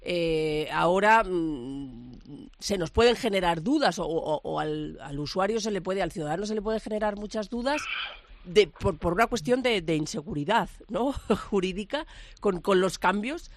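A woman's voice: on the low side, animated, normal speed, no room sound. A female journalist putting a brief question, hesitant and restarting as she goes. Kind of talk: interview question.

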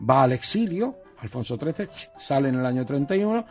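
A man, a history professor telling lively anecdotes in an interview and acting out the people he quotes. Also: mid-range voice, a little fast, creaky, soft background music. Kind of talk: animated storytelling in an interview.

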